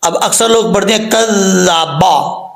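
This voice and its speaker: A man's voice: high-pitched, gravelly, roomy sound, poor audio. A man with a Pakistani Urdu accent teaching Quran pronunciation step by step, patiently drawing out each letter sound and repeating it. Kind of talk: spoken tajweed lesson with drawn-out letter recitation.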